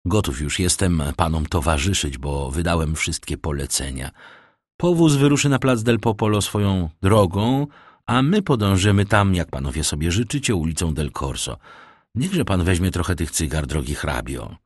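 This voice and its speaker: A man reading as a suave husky count. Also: low-pitched, lively intonation, normal speed, no echo, studio quality. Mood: courteous. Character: suave worldly male count, persuasive host.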